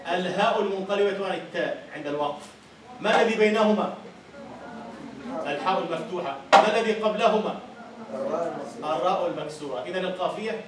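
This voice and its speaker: A man's voice: sits high, heavy background noise. A man with an Egyptian accent giving a university lecture on Arabic prosody, quizzing his students and repeating their answers. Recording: echoey lecture hall, far from the mic.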